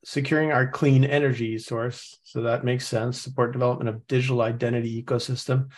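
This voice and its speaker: Speaking a little fast in a mid-range voice with little pitch movement, this Norwegian podcast host reads through material while thinking aloud. The chat is casual and full of restarts, captured via a remote call setup.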